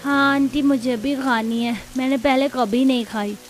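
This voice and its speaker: A woman's voice: high-pitched, steady tone, moderate pace, faint music behind, lightly acted. A woman voicing poor, hungry young village children, a boy and a girl, who plead and stammer in a cartoon. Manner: pleading, stammering when upset. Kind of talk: Hindi cartoon voice acting.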